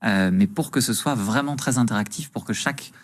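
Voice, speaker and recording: A man's voice: fairly low pitch, brisk. A man working as a magician, explaining things agreeably and conversationally as a guest in a TV interview.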